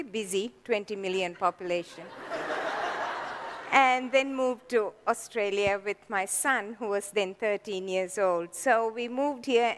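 An older woman from Sri Lanka giving a talk with dry humor, her voice slightly hoarse, laughing at her own jokes. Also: mid-range voice, big-room sound, background noise. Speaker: guest speaker.

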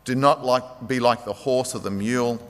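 In a church sanctuary, a Greek-heritage pastor delivers his sermon in a mid-range voice at normal speed. His preaching is impassioned, building to urgent calls for action, with the long echo of a big hall around him.

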